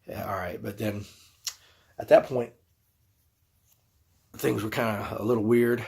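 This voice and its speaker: A man's voice: on the low side, steady tone, measured pace, gravelly, a little mellow, breathy edge. A man telling a personal story to camera in a folksy, rambling way, acting out his own reactions. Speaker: YouTube channel host.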